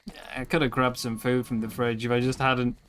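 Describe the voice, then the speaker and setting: This man's delivery is flat, fairly quick, and a bit bright at a medium pitch. He's worn out and yawning while streaming a survival game live, wandering through loose commentary and often correcting himself between ums.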